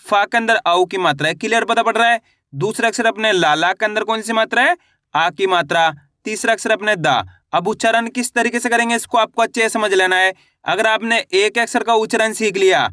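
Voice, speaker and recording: Bright high-voiced man teaching Hindi reading. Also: no room sound, studio quality. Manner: asks questions and answers them himself in a low drawn-out voice; spells out syllables slowly. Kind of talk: classroom-style lesson.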